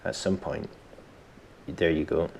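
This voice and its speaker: This software tutorial presenter takes it slowly, his extremely low, gravelly voice full of fry and fairly even in intonation. Informal and self-deprecating, he thinks aloud over a faint background noise.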